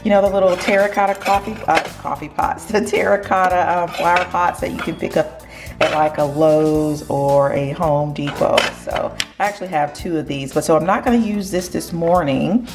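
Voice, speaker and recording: A woman's voice: fairly low pitch, normal speed, music in the background. A woman vlogging casually from her home kitchen in a groggy early-morning voice, chatting and rambling with fillers. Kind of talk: casual chat to camera.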